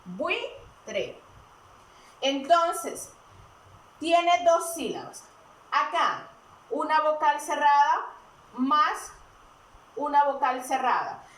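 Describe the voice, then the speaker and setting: A woman teaches a grammar lesson, slowly and patiently, answering her own questions. She is recorded from some distance in an echoey room. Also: sits high, a bit bright.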